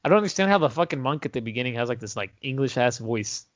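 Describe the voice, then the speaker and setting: A man's voice: medium pitch, fast talker, no echo. A young man chats loosely and profanely about movies, laughing often. His voice sits mid-range, and the sound is dry and dull like a cheap home mic. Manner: profane, animated, laughs a lot. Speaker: podcast co-host. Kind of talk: casual chat.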